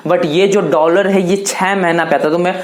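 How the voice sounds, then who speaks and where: A man's voice: sits high, fairly even intonation, normal speed. An eighteen-year-old man answering viewer questions in a casual, chatty vlog, loosely talking to viewers as brothers. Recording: echoey room.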